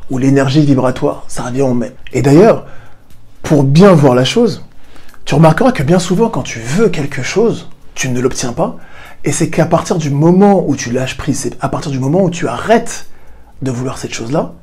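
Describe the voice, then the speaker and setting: A man's voice: mid-range voice, lively intonation, normal speed, a little mellow, slightly rough. A man hosting a personal growth channel, explaining ideas straight to the viewer and repeating key points for emphasis. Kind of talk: explanatory talk to camera.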